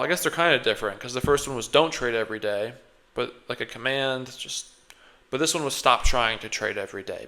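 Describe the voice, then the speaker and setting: A day trader with a slight cold sniffles between thoughts as he talks close into his mic, reflecting on his own trading. His middle-pitched voice sounds pushed and bright. In this casual monologue he rambles, thinks aloud, corrects himself and is quite hard on himself.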